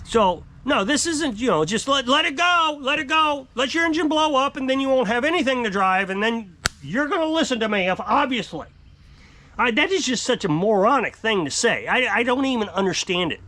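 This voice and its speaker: Fifties male vlogger, high lively voice, exasperated rant straight to camera, outdoor porch. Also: moderate pace. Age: 50s. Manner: exasperated, emphatic, gesturing widely. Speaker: off-grid homestead vlogger. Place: outdoor covered porch by woods.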